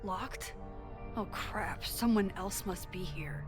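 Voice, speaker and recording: A woman's voice: medium pitch, slow pace, lightly acted. A woman playing a determined, level-headed young amateur sleuth in a video game. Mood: wary. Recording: music behind the voice.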